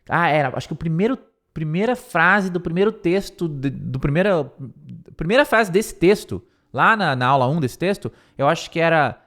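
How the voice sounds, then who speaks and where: A man with a Brazilian Portuguese accent teaching English in an informal online lesson, explaining step by step and slowly repeating words for pronunciation, recorded on a close microphone. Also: fairly high pitch, lively intonation, fairly bright tone. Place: room with a window, at home.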